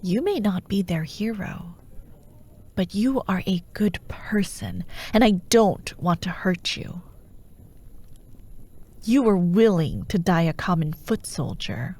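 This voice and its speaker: Here a woman voices a dream-haunting fantasy warlord, menacing and persuasive, using breathy ASMR delivery that often fades to a whisper. Her pitch is on the low side with a darkish tone. The pacing is slow and the manner grandiose, coaxing and falsely reasonable.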